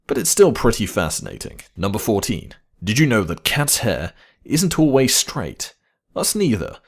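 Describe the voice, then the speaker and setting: A man reading scripted narration for a list video in a playful, wry way. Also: lowish voice.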